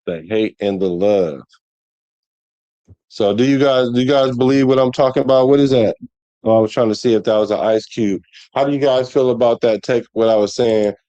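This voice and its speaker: A man hosts a casual sports show, talking in a loose, rambling way, doubling back and restarting his thoughts. His voice is dark and mellow. The sound is dry and a bit dull, like a home setup with lo-fi audio. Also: on the low side, dry recording. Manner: rambling, conversational, with many restarts and fillers. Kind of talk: casual sports commentary to viewers.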